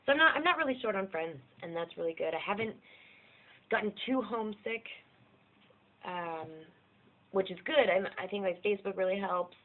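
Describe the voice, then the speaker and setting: A woman's voice: medium pitch, animated, normal speed, long pauses. A young American woman talking candidly about her life in a rambling, self-deprecating way, swearing freely. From United States. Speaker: vlogger. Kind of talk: casual personal vlog monologue. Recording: tinny lo-fi narrow-band audio.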